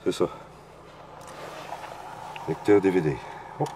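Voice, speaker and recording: Un homme âgé à l'accent belge qui raconte ses souvenirs avec entrain, en imitant les dialogues. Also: male voice, sits low, slow, noisy background. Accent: Belgian French. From Belgium. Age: older. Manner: animated storyteller who acts out dialogue. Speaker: interviewee. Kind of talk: casual storytelling interview.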